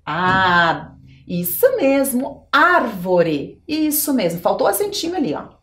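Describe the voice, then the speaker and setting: A woman's voice: medium pitch, sing-song, unhurried, pushed and bright. A woman with a Brazilian Portuguese accent, a schoolteacher giving a televised lesson to young children, encouraging and drawing out her words.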